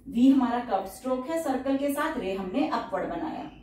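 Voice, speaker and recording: A woman teaching shorthand, explaining each outline step by step and repeating every word slowly and carefully. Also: fairly high pitch, animated, dark tone, distant mic, a little hiss or hum. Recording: very echoey room, voice from off the mic.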